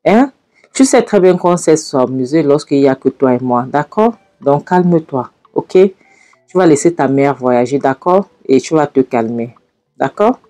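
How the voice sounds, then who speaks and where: A soothing, smooth-talking boyfriend coaxes calmly and keeps checking for agreement, as a woman voices him. The voice is low and mellow, with faint music behind it. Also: measured pace, no room sound. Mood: coaxing. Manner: soothing, coaxing, repetitive "d'accord?". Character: smooth, coaxing man, the mother's boyfriend.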